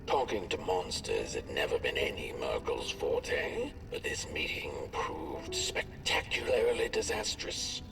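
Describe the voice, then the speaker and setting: A man narrating a fairy-tale story for a game in an expressive storybook style. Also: a bass voice, measured pace, vocal fry, hardly any pauses. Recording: distant voice with music behind.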